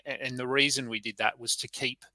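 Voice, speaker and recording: A man's voice: medium pitch, steady tone, fairly quick, pushed and bright, no room sound, rough recording. A man hosting a casual podcast, chatty and loose with plenty of fillers and restarts. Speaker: podcast host.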